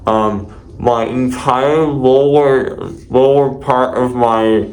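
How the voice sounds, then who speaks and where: A man's voice: medium pitch, fairly even intonation, slow pace, darkish tone. A man groggy from anesthesia, half awake, vlogging casually with muffled, numb-mouthed speech as if his mouth is packed with gauze. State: dizzy and drowsy after surgery. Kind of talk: casual vlog to camera.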